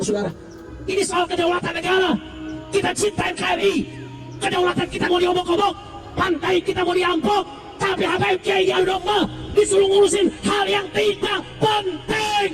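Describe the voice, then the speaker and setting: At a rally, a high-pitched man shouts a fiery open-air sermon, calling on the crowd to answer back. He is recovering from flu. The mic is distant, and music plays in the background.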